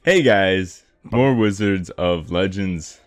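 A man's voice: low-pitched, slow, faint music behind. A man co-hosting a casual let's-play, reading item descriptions aloud and stumbling over words. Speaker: gameplay co-host.

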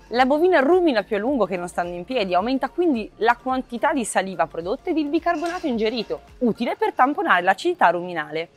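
A young woman in her twenties, a marketing manager, giving a clear, measured scripted explainer to camera outdoors by a cow barn on a lapel mic. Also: on the high side. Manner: clear, measured, informative delivery. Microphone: lapel mic, medium framing.

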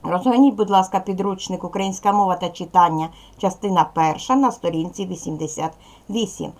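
A woman teaching a primary school class in a recorded video lesson, speaking clearly and patiently straight to the pupils. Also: on the low side, brisk, a little mellow.

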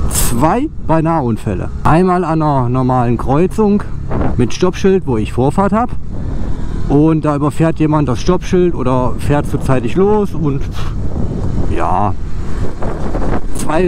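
A man with a slightly high voice vlogs from inside his motorcycle helmet as he rides. He talks casually and bluntly, with a grumbling edge. Clear engine and traffic noise runs behind him outdoors. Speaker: motorcycle vlogger. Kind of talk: casual motovlog chat while riding. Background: engine, vehicle and street noise.

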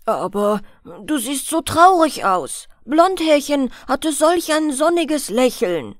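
A woman's voice: high-pitched, sing-song, slow pace, no echo, studio quality, pitched above the performer's own voice, full character voice. A woman voicing a bewildered young man who has forgotten his home, speaking in a plain, puzzled way in a fairy-tale audiobook.

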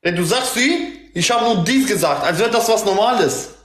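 A man's voice: sits high, lively intonation, moderate pace, a bit bright, breathy edge. A young man, chatting casually and teasingly on a livestream.

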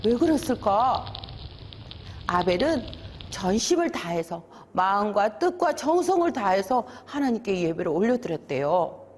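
A woman pastor telling a Bible story to young children, animated and asking them questions. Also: mid-range voice, measured pace, in a large hall.

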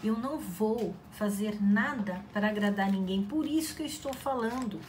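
A woman's voice: medium pitch, moderate pace, darkish tone. A middle-aged woman chatting casually while she paints, giving encouraging talk and acting out quoted voices. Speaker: craft channel host. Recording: faint background noise.

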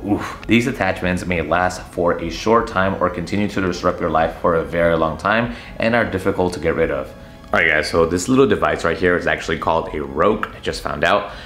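A young travel vlogger talks in a deep, slightly bright voice while touring a hotel room and its hallways. He's chatty and half-joking, with nervousness underneath, holding the camera at arm's length. The recording has an echoey room and faint ambience.

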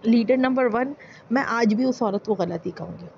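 A woman's voice: a little high, normal speed, vocal fry, darkish tone, lo-fi sound, slight background noise. A woman giving heated, opinionated commentary as a reaction channel YouTuber, full of rhetorical questions and pleas. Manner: impassioned, rhetorical, pleading.

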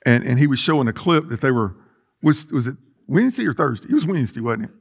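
With a gravelly, husky, mid-range voice, a middle-aged pastor talks fast and swings his pitch widely while preaching. He paces and gestures in a large indoor church sanctuary with rows of chairs, making earnest restarts.

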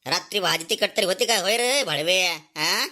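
A woman playing a village father who scolds and insults his lazy son in a comedy sketch. He uses rough rustic slang. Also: fairly low pitch, animated, moderate pace, pushed and bright. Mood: scolding.

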